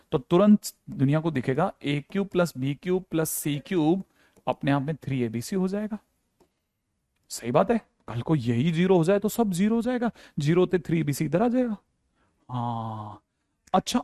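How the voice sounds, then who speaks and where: A man lectures a maths class in a playful, repetitive way and keeps turning to his students. His voice sits a little high for a man. The sound is dry and close, with almost no room around it. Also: mellow, no echo. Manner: playful, repeats key phrases, addresses students directly. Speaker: maths teacher.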